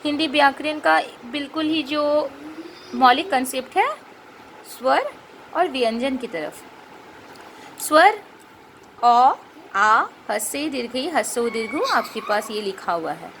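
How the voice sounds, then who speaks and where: A woman teaching a grammar lesson. She explains patiently, checks in with rhetorical questions, and spells out and repeats sounds slowly. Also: high voice, lively intonation, a bit bright, a little hiss or hum.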